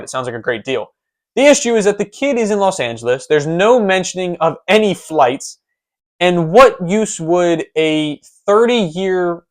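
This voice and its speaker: A young man with a slightly high-pitched voice hosts a solo sports podcast. He tells the story in a loose, chatty way, with a few ums along the way. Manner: conversational storytelling with casual fillers. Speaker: podcast host.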